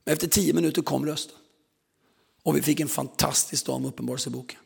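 Gravelly-voiced preacher man, echoing hall. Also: fairly high pitch, steady tone. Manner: storytelling, acts out quoted voices. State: strained, recovering voice. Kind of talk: sermon.

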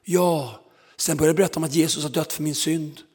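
A man's voice: fairly high pitch, steady tone, a little mellow, big-room sound. A man preaching a sermon, telling stories and acting out the people in them, his voice strained. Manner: storytelling, acts out quoted voices. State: strained, recovering voice.

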